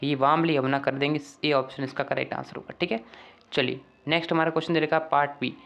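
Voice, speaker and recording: A man walking students through an exam paper, asking rhetorical questions and reading English sentences out slowly. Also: a little high, fairly even intonation, gravelly, fairly bright tone. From Rajasthan, India. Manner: keeps asking the class rhetorical questions, calls them friends. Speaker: teacher. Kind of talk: exam paper walkthrough lesson.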